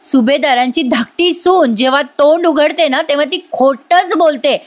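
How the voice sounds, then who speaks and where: A hot-tempered young husband who taunts and confronts his relatives, voiced by a woman. The voice is high and sharp, with a confronting edge. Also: normal speed, close to an everyday voice. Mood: angry. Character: angry elder brother Arjun, protective husband, man.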